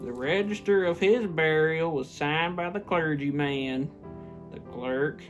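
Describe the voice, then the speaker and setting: Taking it slowly over soft background music, a man with a fairly high voice reads a classic tale theatrically and with emphasis. He's the show's host and reader, stumbling on words and adding offhand comments.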